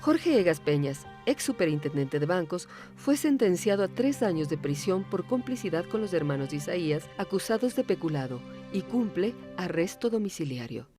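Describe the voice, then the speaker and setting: A woman reading scripted documentary narration in a measured, even way. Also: fairly low pitch, soft background music. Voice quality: measured, even delivery of figures and facts.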